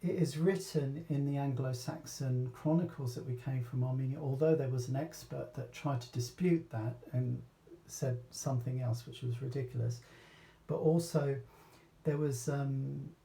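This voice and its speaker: A man from Britain talks in a loose, halting way, with plenty of fillers and restarts. His voice is mellow and dark, and it is picked up from a distance in an echoey room. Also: medium pitch, steady tone, vocal fry. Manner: hesitant, rambling, many fillers and restarts. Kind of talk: casual talk.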